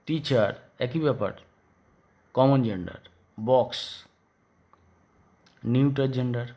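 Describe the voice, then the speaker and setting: A male schoolteacher with a Bengali accent explaining grammar to a class, halting and repeating words for his pupils. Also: medium pitch, mellow. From West Bengal, India. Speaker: school English teacher.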